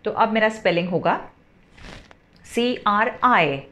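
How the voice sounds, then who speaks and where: A woman teaching English verb pronunciation, spelling words out slowly and often checking with a rising "theek hai?". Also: mid-range voice, animated, fairly bright tone. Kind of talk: spoken lesson, spelling words letter by letter.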